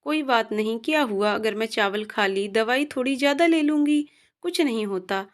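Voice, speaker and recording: A woman voicing an ailing elderly mother, gentle and patient, read in a soft, resigned way. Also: a little high, lively intonation, normal speed, natural voice.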